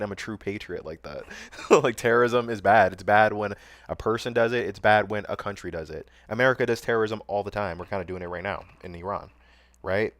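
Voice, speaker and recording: A man's voice: lowish voice, a bit bright, no echo. A young man commentating casually on a livestream while reacting to news clips, loose, slangy and sarcastic, laughing at his own jokes.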